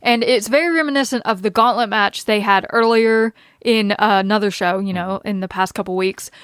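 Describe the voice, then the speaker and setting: A woman's voice: medium pitch, a little fast, a bit bright, clear, resonant tone, no room sound, studio quality. A woman hosting a wrestling podcast, chattily recapping matches in casual talk and laughing often. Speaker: podcast host.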